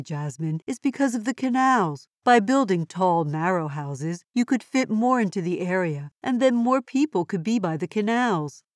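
A woman voicing a calm, sensible girl who explains things in a measured, articulate way for a children's educational audio story. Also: fairly low pitch, no room sound, clean studio sound, lightly acted. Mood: patient, explaining.

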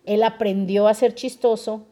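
Here a young Mexican woman hosts her podcast in a mid-range voice, talking a little slowly. Her Mexican Spanish accent colors a relaxed, explanatory style full of check-ins with the audience. She's lively and keeps asking her listeners questions.

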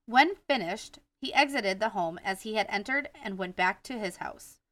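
Co-hosting a relaxed true-crime podcast, a woman with a Wisconsin accent goes through the case from her notes, occasionally tripping on names and laughing at herself. She speaks at a moderate pace with a medium pitch and a fairly bright tone. The recording has no room sound and is captured from a distance.

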